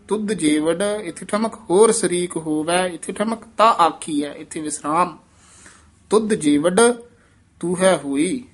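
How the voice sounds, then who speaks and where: A man teaching the careful recitation of scripture. He reads each line in a measured way, then explains where to pause and how to pronounce words. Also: high-pitched, fairly bright tone.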